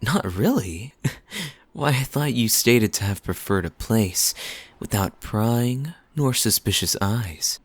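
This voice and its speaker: A man's voice: medium pitch, animated, slow, dry recording. Man playing suave, teasing Kaeya, swooping flirtatious lilt. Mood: teasing, intimate. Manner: smooth-talking, playful, coy, lingering phrasing. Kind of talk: romantic interactive audio roleplay, spoken to the listener.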